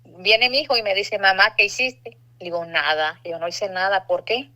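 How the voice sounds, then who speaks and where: Woman in her middle years, bright clear voice, earnest confession, acts out what people said. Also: medium pitch, normal speed, rough recording. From Mexico. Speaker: testimony speaker. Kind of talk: personal testimony.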